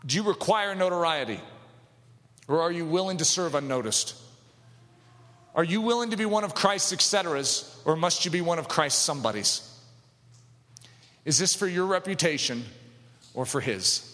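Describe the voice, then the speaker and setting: A man's voice: expressive, moderate pace, long pauses. Fervent preacher man in a reverberant hall. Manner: swings from loud, high exhortation to low, hushed drops; asks the listeners direct questions. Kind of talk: impassioned sermon.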